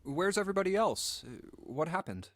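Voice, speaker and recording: A man's voice: high-pitched, very animated, moderate pace, a bit bright, no echo, pitched above the performer's own voice. A man reading a game's dialogue aloud, voicing a frightened young man with dramatic reactions. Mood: uneasy. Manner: voices lines with dramatic reactions. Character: panicked young man caught in a deadly game.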